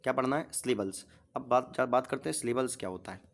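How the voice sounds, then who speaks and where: A patient male teacher works through a grammar lesson one piece at a time. He keeps asking quick questions like a quiz and answers each one himself. His voice is of ordinary pitch for a man. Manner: asks questions and repeats the answers; patient, explains step by step.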